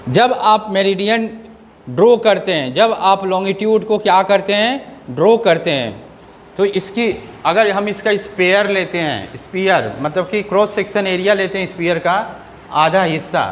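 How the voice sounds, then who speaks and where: High-voiced man teaching in a hall. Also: lively intonation, a little hiss or hum. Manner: asks questions and answers them himself, drops lower for each answer; reads English lines out slowly. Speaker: school teacher. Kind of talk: classroom lecture.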